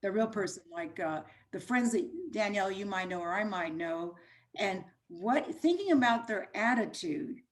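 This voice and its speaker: A woman's voice: medium pitch, expressive, moderate pace. Guest voice-over coach, woman, easygoing and loose, talking over a video call. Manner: easygoing, loose trailing phrases. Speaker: voice-over artist and teacher, guest. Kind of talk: casual interview chat.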